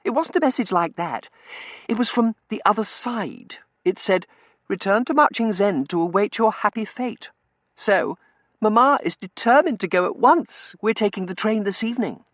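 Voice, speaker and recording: In a storybook reading, a narrator voices a spoiled, affected young lady, pitching above their own voice into fluttery, prissy baby talk full of coos. The delivery is mid-range, expressive, fairly bright and at normal speed with no echo, and the mood is gushing and eager.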